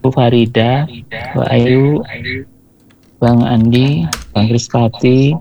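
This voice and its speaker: A man calling in to a radio show over a WhatsApp call whose connection keeps breaking up, sending relaxed greetings. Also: mid-range voice, takes it slowly. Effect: choppy WhatsApp phone line, breaking up. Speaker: caller. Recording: lo-fi phone call audio.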